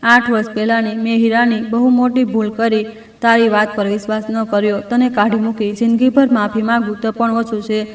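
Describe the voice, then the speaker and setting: A remorseful, devoted husband from a storybook, begging his wife earnestly for another chance, as a woman narrator puts him on. The voice sits high and level, with little rise and fall. It sounds distant and roomy, as if recorded away from the mic. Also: level tone, brisk, close to an everyday voice. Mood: pleading. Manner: earnest, pleading. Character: remorseful rich husband, middle-aged man, devoted.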